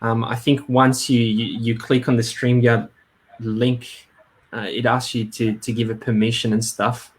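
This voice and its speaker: Man, webinar host, slow unhurried delivery, halting, lots of ums and restarts. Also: mid-range voice, level tone. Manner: hesitant, many fillers and restarts. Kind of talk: casual live-stream talk. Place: Brisbane.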